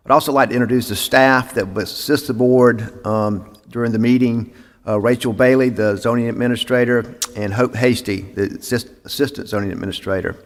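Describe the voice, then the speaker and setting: A man chairing a city board meeting, reading procedure formally with frequent "uh" fillers, on a meeting microphone. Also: lowish voice. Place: city hall meeting chamber. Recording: echoey council chamber.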